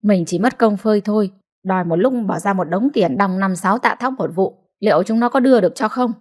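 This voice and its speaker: A woman voicing a harsh, sharp-tongued old village mother-in-law who scolds in quick, angry outbursts. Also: medium pitch, natural voice. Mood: scolding.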